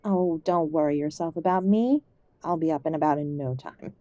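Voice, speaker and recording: In an audio drama, a woman plays an affectionate older mother who is unwell, her deep, mellow, soft-edged voice recorded close and dry with no room sound and the highs cut off. She speaks naturally at a moderate pace, gently fussing and calling people by endearments. Old-fashioned and stubbornly hopeful, she sounds upbeat.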